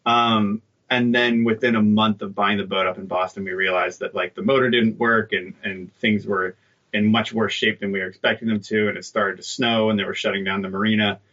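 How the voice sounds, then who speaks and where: In this conversational interview, a guest in his thirties tells stories in a relaxed, self-deprecating way. His voice is fairly low and steady, a little quick, with a fairly bright tone, coming over a dull remote line.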